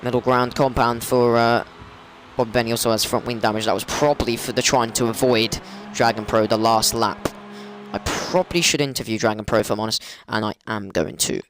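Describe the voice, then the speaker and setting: A man commentating an online racing league race, excitable and rambling, often correcting himself and rising in pitch during crashes. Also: fairly quick, background noise.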